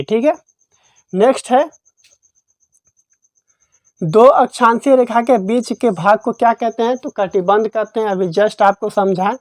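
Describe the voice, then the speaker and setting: A woman's voice: mid-range voice, no room sound. Woman teaching geography in a dry voice-over. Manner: repetitive quiz-style, asks and answers her own questions. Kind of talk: exam-prep lesson.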